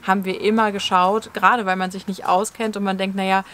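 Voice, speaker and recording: A woman in her thirties talks through her opinions in a steady, fluent, explanatory way. She is co-hosting a casual discussion to camera outdoors in a leafy garden, picked up by a camera mic. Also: medium pitch, brisk. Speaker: channel co-host.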